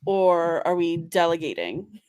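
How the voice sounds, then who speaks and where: A woman's voice: fairly low pitch, big pitch swings, measured pace, darkish tone, clean tone, no room sound, studio quality. A woman of Puerto Rican heritage hosting a casual chat, playful and sassy, with lots of "like". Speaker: podcast host.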